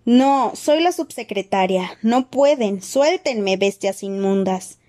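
A woman voicing a frightened, pompous female official with a squeaky, haughty voice. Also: brisk, darkish tone, close to an everyday voice. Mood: panicked.

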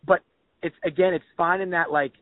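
A man's voice: high voice, fairly even intonation, brisk, no room sound. A man hosting a casual podcast, upbeat and slangy, full of "like" and "dude". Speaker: podcast host. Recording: tinny phone-like audio, dry.

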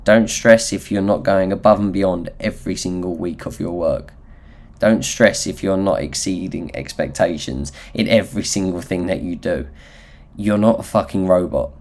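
Low-pitched nasal Essex man. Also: normal speed, darkish tone. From Essex, England. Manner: candid, self-deprecating, sweary. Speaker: podcast host. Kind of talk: solo motivational podcast talk, informal.

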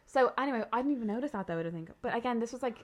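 A woman's voice: on the high side, lively intonation, very fast, a crowd in the background. A young Irish woman in her twenties, co-hosting a podcast and telling a story in casual chat, laughing and rambling as she goes. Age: 20s. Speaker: podcast co-host.

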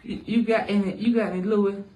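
A man's voice: sits high, little pitch movement, fairly quick, darkish tone, voice pushed up, close to an everyday voice. A man playing a flirty lady caller. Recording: prank call played back from far off.

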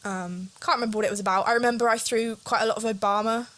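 A woman's voice: a little high, steady tone, fast talker, fairly bright tone. A young woman co-hosting a chatty podcast, nervous and prone to rambling. She talks in long, self-aware trains of thought, catching and correcting herself as she goes. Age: young adult. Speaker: podcast co-host. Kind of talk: casual chat.

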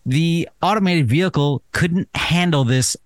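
A man hosting a podcast panel chat, talking in a quick, joking, teasing way. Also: fairly high pitch, no room sound. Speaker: podcast host.

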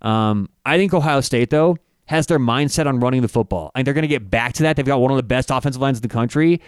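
Smooth-voiced man breaking down football stats. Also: medium pitch, dry recording, clean studio sound. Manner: stat-heavy, halting with restarts. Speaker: sports betting analyst. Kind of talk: casual analytical sports chat.

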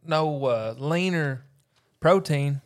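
A man's voice: fairly high pitch, slow pace. A man co-hosting a podcast, emphatic and folksy in casual chat. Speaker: podcast host.

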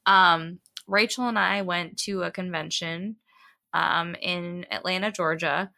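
A woman's voice: lowish voice, a little slow, gravelly. A young woman co-hosting a casual podcast, telling stories animatedly and acting out her children's voices. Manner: animated storyteller, acts out her kids' voices. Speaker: podcast co-host. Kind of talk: casual chat, storytelling.

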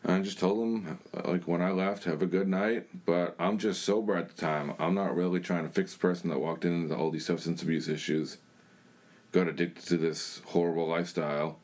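A man's voice: sits low, fairly even intonation, normal speed, a little mellow. A young man giving a blunt, plain-spoken personal testimony in a conversation. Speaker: church member sharing his testimony.

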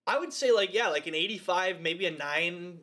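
Bright, animated swearing man. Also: sits high, normal speed. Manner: animated, heavy swearing, laughs often. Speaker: podcast co-host. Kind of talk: casual movie review chat.

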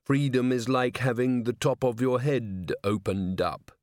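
A man voicing a literal-minded male clay golem constable who speaks in slow, measured, deliberate phrases. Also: mid-range voice, fairly even intonation, a little mellow, dry recording, studio quality, close to an everyday voice. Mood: earnest.

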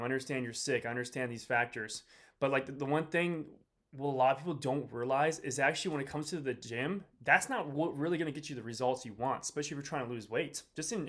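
Sick and drained, a male fitness coach runs a laid-back motivational podcast in front of a live audience. His mid-range voice sounds pushed and bright as he rambles, repeats himself and talks to listeners in slang.

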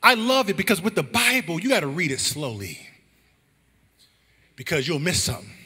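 High, husky preaching man in a reverberant church. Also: sing-song, normal speed. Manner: preaching with rising shouts and sung phrases. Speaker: pastor. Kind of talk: sermon. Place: church sanctuary.

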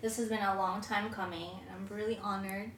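A woman's voice: medium pitch, little pitch movement, fairly bright tone, distant mic, a little hiss or hum. A woman in her twenties from the Philippines, a podcast guest talking unhurriedly with many "um"s. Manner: unhurried, many "um"s, frequent laughter. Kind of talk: casual interview chat. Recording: echoey room, from the mic.

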